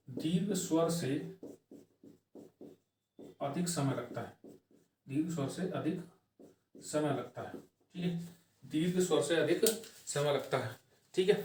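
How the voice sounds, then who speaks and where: A man runs an exam-prep grammar lesson, asking questions and answering them himself. He repeats key phrases slowly and keeps checking in with a quick "okay". His slightly raised voice comes from some way off the mic in a reverberant room. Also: on the high side, darkish tone, slight background noise. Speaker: Hindi grammar teacher. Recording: echoey room, voice from far off the mic.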